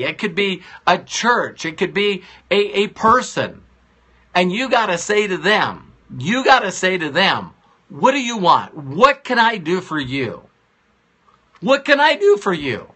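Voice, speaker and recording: A man speaks into a phone on a live stream and delivers an earnest motivational talk. He pleads with his listeners and keeps circling back to the same phrases. His voice sits a little high and sounds bright and forceful. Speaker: motivational broadcaster.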